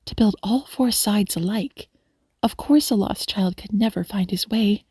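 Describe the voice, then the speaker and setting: A woman voicing a dainty young schoolteacher in a storybook, talking in a bright, quick, flustered way. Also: medium pitch, breathy edge, no room sound, studio quality. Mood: eager.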